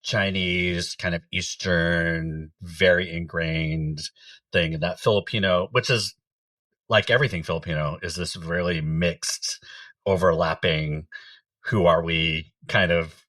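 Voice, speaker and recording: Low-voiced middle-aged man hosting a podcast. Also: a little slow, no echo, recorded from a distance. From United States. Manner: relaxed, laughs often, loose trailing sentences. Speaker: podcast host. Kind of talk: casual conversation.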